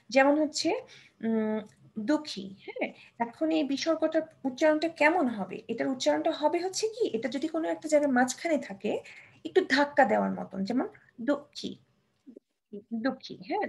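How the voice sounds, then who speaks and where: A young woman teaching Bangla letters to a child, patiently sounding out words slowly and mixing in English terms. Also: fairly high pitch, creaky. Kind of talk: children's language lesson.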